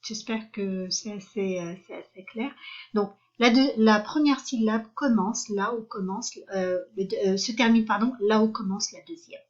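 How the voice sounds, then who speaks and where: A woman giving an online French lesson, spelling out syllables slowly and carefully, with frequent hesitations. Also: medium pitch, lo-fi sound. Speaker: French teacher.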